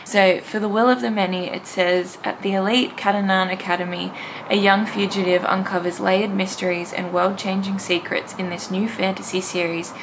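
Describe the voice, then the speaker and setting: This book vlogger, a young woman, talks to the camera in a loose, gushing, meandering style typical of a chatty vlog. Her voice sits in the mid-range with a level tone and a moderate pace, against noticeable background noise.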